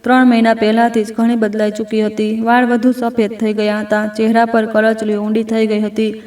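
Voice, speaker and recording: A woman narrating a scripted story in even, measured short phrases. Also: on the high side. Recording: roomy, distant mic.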